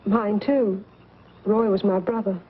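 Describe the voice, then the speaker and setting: An actress playing a gentle, composed, grieving young woman in 1940s B-movie style. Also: medium pitch, fairly even intonation, slow, lightly acted. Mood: soft, composed. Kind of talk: 1940s B-movie film acting. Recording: muffled, noisy vintage film soundtrack.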